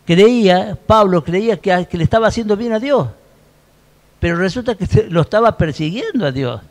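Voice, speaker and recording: A man's voice: high voice, lively intonation, normal speed. A man with a Rioplatense Spanish accent preaching a sermon in a conversational way, asking the congregation questions and reading scripture aloud.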